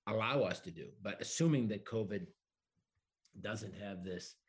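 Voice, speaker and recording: Husky, low-voiced middle-aged man explaining plans. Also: unhurried. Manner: emphatic repetition and list-building. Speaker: broadband executive interviewee. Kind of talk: explanatory interview answers.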